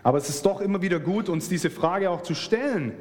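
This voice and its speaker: A man's voice: high-pitched, expressive, fairly quick, darkish tone, in a large hall. A man preaching a sermon with passion, speaking straight to his listeners. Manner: impassioned, addresses the listeners directly.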